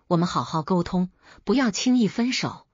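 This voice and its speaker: Lady reading a nervous young boyfriend begging, soft and husky, storybook. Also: lowish voice, lively intonation, normal speed, dry recording, lo-fi sound. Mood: pleading. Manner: pleading, placating. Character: anxious pleading young boyfriend.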